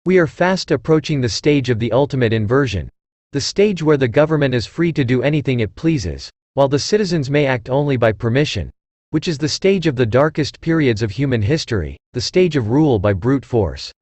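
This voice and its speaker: A man with a deep, firm voice reading motivational quotes as solemn, measured scripted narration. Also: expressive, darkish tone, no room sound.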